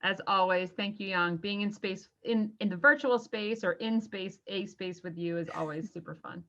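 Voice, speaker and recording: A woman guest on a podcast interview, chatty and quick to laugh. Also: mid-range voice, sharp tone, lo-fi sound. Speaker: guest, social media strategist.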